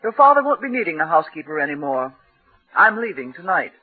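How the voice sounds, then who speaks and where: An actress playing a stern, exasperated, sharp-tongued housekeeper with a husky voice in a 1940s radio drama. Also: female voice, sits low, sing-song, quick pace, full character voice. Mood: fed up. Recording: muffled vintage radio recording.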